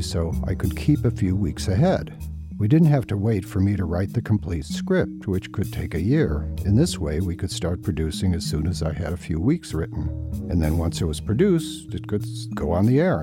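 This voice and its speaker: A male podcast host with a low voice and lively intonation. He narrates like a wry, self-deprecating storyteller, with music playing clearly behind him. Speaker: podcast host and series writer-producer.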